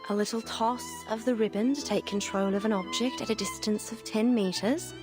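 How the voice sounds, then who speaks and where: An actress with an Irish accent playing a proud, sharp-tongued former female champion in a game, teasing and haughty. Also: mid-range voice, brisk, close to an everyday voice. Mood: critical. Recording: game audio with music behind.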